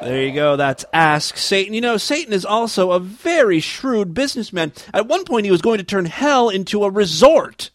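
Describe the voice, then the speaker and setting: A male podcast host with a high voice and very animated delivery. He talks casually, with mocking, incredulous comic commentary. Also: moderate pace, hardly any pauses.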